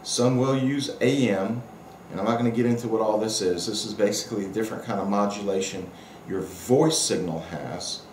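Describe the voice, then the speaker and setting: A middle-aged or older man, an amateur radio operator, gives a casual, unscripted review of a radio, rambling through explanations with many asides like the experienced hobbyist he is. His voice is fairly low and a little mellow, and he talks slightly fast. The recording has a roomy echo and faint background noise.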